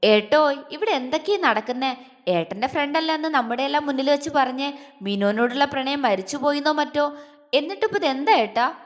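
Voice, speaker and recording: A woman's voice: high-pitched, animated, a little fast. A woman voicing a cheeky younger brother who teases in a mocking way. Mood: teasing. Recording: long hall reverb.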